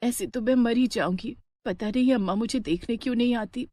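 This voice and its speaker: Narrator putting on a weak, mournful cow. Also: female voice, a little high, a little fast, background noise, pitched above the performer's own voice, natural voice. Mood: despairing. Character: weak, despairing pregnant cow.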